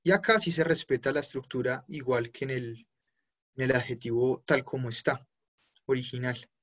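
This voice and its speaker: A man teaching a live online German class, who explains slowly, spells out endings and corrects himself often. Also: mid-range voice, a bit bright, lo-fi sound.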